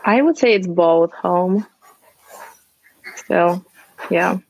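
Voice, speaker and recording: A woman's voice: on the low side, drawn-out words, a little mellow, dry recording, rough recording. A woman in her early thirties with a Czech accent, a podcast guest chatting casually in English as a non-native speaker. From Czech Republic. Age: early 30s. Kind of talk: casual conversation.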